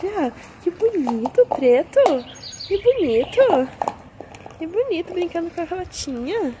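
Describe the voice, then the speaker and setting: A woman coos to her dogs in high, lively baby talk, coaxing them to play. She films on a phone outdoors, with clear noise behind her voice. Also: a little slow. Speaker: pet owner filming her dogs. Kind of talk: baby-talk to pets while filming. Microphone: phone camera.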